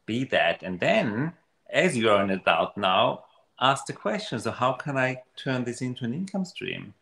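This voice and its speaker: A man giving an earnest, animated motivational talk in a casual conversation. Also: mid-range voice, normal speed, vocal fry, reverberant. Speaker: guest speaker on money mindset.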